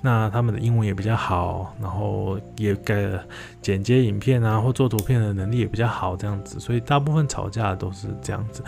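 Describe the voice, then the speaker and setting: A man giving relaxed, casual commentary, with lots of fillers and restarts. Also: lowish voice, a little fast, gravelly, faint music behind.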